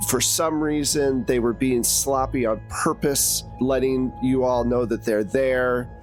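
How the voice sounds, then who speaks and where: A man with a mid-range voice serves as game master for a tabletop roleplaying game, narrating the story conversationally and addressing the players directly.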